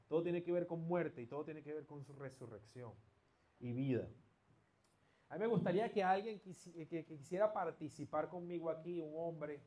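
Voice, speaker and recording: High-voiced male preacher, playful. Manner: lively, playful storytelling with jokes. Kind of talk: sermon. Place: church.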